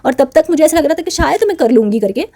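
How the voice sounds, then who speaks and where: High-pitched, fast, and animated with a warm tone, a woman hosting her own channel tells a personal story straight to camera. She's chatty and indignant, mixing English words into her Hindi.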